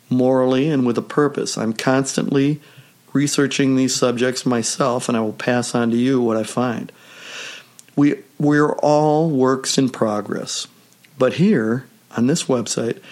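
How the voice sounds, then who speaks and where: In this solo health podcast, the host addresses his audience on his own, pacing himself steadily and pausing on purpose. A lingering cold has left his voice hoarse and rough, though it sits at a middle pitch. His manner stays measured throughout.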